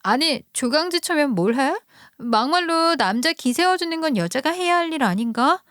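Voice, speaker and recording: A woman's voice: high-pitched, expressive, normal speed, a bit bright, no room sound, studio quality, pitched above the performer's own voice. A woman voicing a brazen young mistress who speaks with sugary politeness while defending the affair. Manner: sweetly polite, then boldly defiant.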